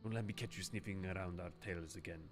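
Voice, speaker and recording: A man voicing a stern, guarded mercenary in a video game, curt and quietly threatening. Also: deep voice, fairly even intonation, fast talker, faint music behind, voice pushed down. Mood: cold warning.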